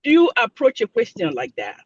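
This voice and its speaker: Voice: mid-range voice, huge pitch swings, moderate pace, a little mellow, breathy edge, dry recording. An attendee calling in from a moving car, asking a question hesitantly and searching for words. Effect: phone call from a moving car. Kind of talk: Q&A question on a video call. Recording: dull lo-fi car speakerphone.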